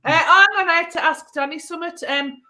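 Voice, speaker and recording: A woman's voice: high voice, fast talker, sharp tone. A woman hosting a casual chat show, cheeky and brash, swearing freely. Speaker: host. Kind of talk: casual banter, show host.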